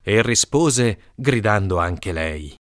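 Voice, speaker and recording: A man narrating a comic folk tale in an animated storytelling manner. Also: lowish voice, slow pace, dry recording, clean studio sound. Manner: lively, animated storytelling with character voices.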